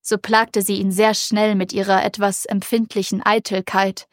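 Eine Frau, die ruhig und sanft ein Märchen vorliest. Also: female voice, medium pitch, no echo, clean studio sound. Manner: calm, gentle, measured. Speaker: narrator. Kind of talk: storybook reading.

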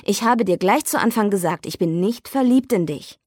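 A woman voicing a calm, detached young woman who answers quietly and evasively. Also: mid-range voice, moderate pace, slightly rough, no room sound, clean studio sound. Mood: cool, evasive.

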